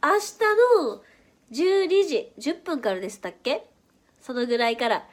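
A woman's voice: on the high side, big pitch swings, measured pace. A woman with a Kansai accent and a stuffy nose, chatting playfully on a livestream and reacting to viewer comments. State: stuffy nose from hay fever. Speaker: idol livestream host. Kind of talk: casual livestream chat reading viewer comments.

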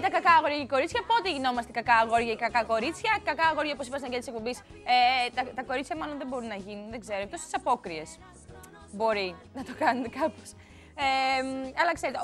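A woman's voice: high voice, lively intonation, fairly bright tone, faint music behind. A young woman TV host in a studio, chatting playfully and teasing as she reads out viewer comments, in a slightly odd voice. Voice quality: odd put-on voice today. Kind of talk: casual chatty TV presenting.

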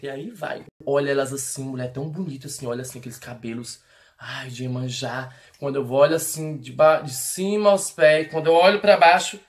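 A Brazilian woman talks straight to her viewers in a comic opinion rant. She is blunt and teasing, and she exaggerates everything with mock outrage. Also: fairly low pitch. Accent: Brazilian Portuguese. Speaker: vlogger.

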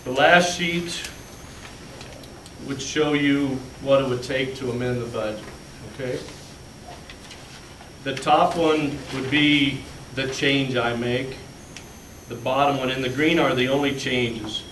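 Speaking slowly and steadily in a medium, slightly bright voice, a man presenting the budget as a school business official takes the board through the handouts step by step in plain terms. A far-off room camera in the big meeting room yields echoey audio and a faint hum.

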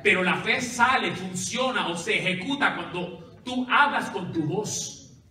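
A man's voice: high voice, animated, unhurried, sharp tone. A male pastor preaching a sermon, calling out to his congregation for responses. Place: church sanctuary. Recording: echoey church hall from far off.

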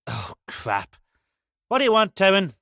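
A man's voice: sits high, wildly swooping pitch, a little slow, pushed and bright, no echo, heavily acted. Field: a grumpy frog man. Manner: gruff and dry. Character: grumpy reclusive frog man bounty hunter. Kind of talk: full-cast audio drama.

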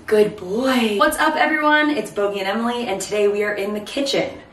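A woman's voice: medium pitch, quick pace, fairly bright tone, slight background noise. A woman in her thirties giving chatty, explanatory tips to camera in a casual way, a little short of breath. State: breathless from late pregnancy. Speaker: host of a pet bird channel. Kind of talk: casual instructional talk to camera. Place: home kitchen, indoors. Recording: echoey kitchen, distant mic.

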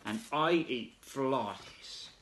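A man voicing a brash, boastful male frog who shouts his questions in a children's storybook reading. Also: medium pitch, measured pace. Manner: shouting, bold.

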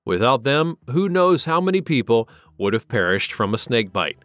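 A man narrating a scripted wildlife countdown, steady with dramatic emphasis, over faint music. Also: medium pitch, normal speed, no room sound, studio quality. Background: faint background music.

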